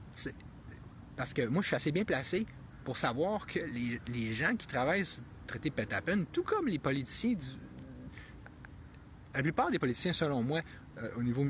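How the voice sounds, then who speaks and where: Earnest and full of emphatic rhetorical questions, a Québécois-accented streamer rambles through unscripted live commentary, thinking aloud with lots of restarts and fillers. His voice is on the high side and a bit bright. A little hiss or hum runs underneath.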